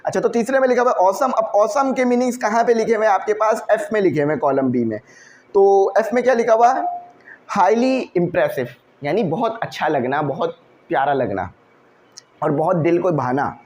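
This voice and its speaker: High-voiced male English teacher. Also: lively intonation, darkish tone. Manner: explains each word slowly, checks with "okay" and asks the class questions. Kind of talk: classroom vocabulary lesson.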